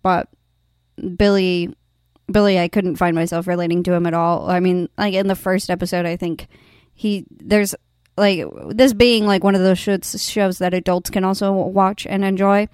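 A woman's voice: fairly low pitch, fairly even intonation, moderate pace, darkish tone, clean tone, dry recording, studio quality. A young woman hosting a casual podcast chat, rambling with fillers and restarts. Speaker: podcast host.

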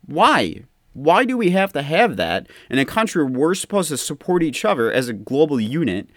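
A man from the United States ranting about others, his voice exasperated and mocking, swinging widely in pitch and sitting a little high for a man. The sound is dry and close, with no room around it. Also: big pitch swings, normal speed, no room sound. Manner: exasperated, mocking, mimics people in a lower voice. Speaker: commentator. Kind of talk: opinion rant to camera.

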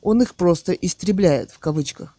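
A man's voice: sits high, moderate pace, mellow, no echo. A man dictating a written text in short separated phrases, speaking the punctuation aloud and correcting his slips as he goes.

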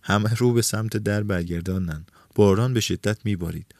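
Deep-voiced male audiobook narrator. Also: dry recording, studio quality. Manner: reads dialogue with raised pitch and shouts for characters. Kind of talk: scripted narration with voiced dialogue.

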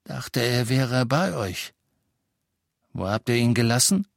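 A man voicing a gruff, defiant old male innkeeper wizard who bellows scornfully at his enemies. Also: mid-range voice, lively intonation, takes it slowly, dry recording, clean studio sound, full character voice. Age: older.

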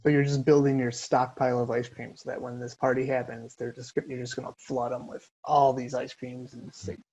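A man's voice: medium pitch, flat delivery, fairly quick, a little mellow, husky. A man appearing as a podcast guest, chatting casually with an easygoing, wry manner. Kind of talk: casual chat. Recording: dull lo-fi audio.

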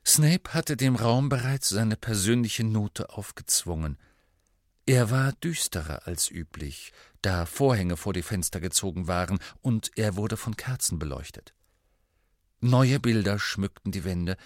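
A man narrates an audiobook in a measured, even storytelling style, his voice sitting on the low side. It's scripted narration with clean studio sound and no room echo.

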